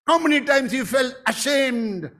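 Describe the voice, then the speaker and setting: A man's voice: extremely high pitch, lively intonation, unhurried, a bit bright. A man preaching a sermon as pastor, emphatic and rising into exclamations.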